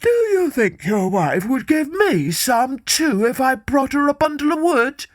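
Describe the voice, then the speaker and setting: A woman voicing a greedy, inquisitive male bear in a children's story, speaking slowly and politely. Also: mid-range voice, big pitch swings, no room sound, clean studio sound. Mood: eager. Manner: slow, wheedling, polite.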